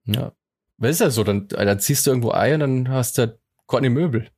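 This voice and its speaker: A man's voice: mid-range voice, fairly quick, a little mellow, breathy edge, no echo, clean studio sound. A man co-hosting a casual podcast chat, telling stories in a loose, slangy way and dropping in English words. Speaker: podcast co-host.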